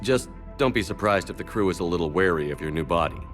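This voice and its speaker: A starship commander in a video game. He, speaking in a direct, steady, authoritative way. There is faint music in the background. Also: low-pitched, fast. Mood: firm, questioning.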